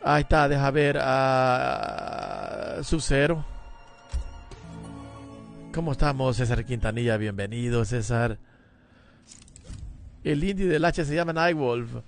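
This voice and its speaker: A man's voice: medium pitch, takes it slowly, vocal fry, long pauses. A middle-aged man from El Salvador streaming a fighting game from home, chatting casually and greeting viewers by name through a headset mic. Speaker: gaming streamer. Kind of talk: casual live-stream commentary. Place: home gaming room, indoors. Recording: game music loud behind the voice. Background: game music and sound effects.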